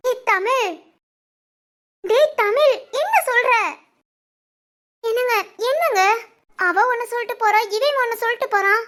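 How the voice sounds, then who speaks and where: A woman's voice: very high-pitched, a little fast, fairly bright tone. A woman voicing a worried middle-aged village mother in a cartoon, fretting and asking anxious questions, with a southern Tamil Nadu accent.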